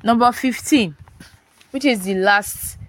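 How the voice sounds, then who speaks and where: A woman teaching grammar in a phone voice note, often repeating points and asking whether listeners understand. Her pitch jumps up when she stresses a contrast. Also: slow.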